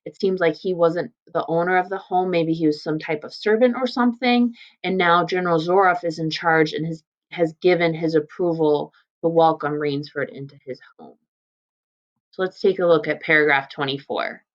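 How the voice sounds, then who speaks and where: Reading a story aloud like a teacher, a woman with a slightly low voice offers casual, explanatory remarks along the way at a moderate pace. The sound is somewhat dull and lo-fi.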